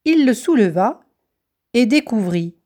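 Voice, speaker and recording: A woman narrating a folk tale in a gentle, measured way. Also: a little high, lively intonation. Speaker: storyteller.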